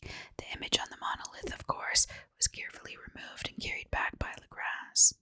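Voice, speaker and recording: Woman, ASMR horror reading, breathy whisper throughout, sharp airy hiss, measured phrasing, close dry mic. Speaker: ASMR story reader.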